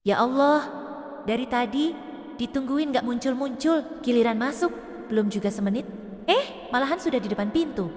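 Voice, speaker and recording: A tired young mother in an animated drama. Her voice sits fairly high and sounds weary and pleading, worn down by pain and hunger. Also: moderate pace, dry recording. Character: exhausted young mother after a caesarean. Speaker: new mother.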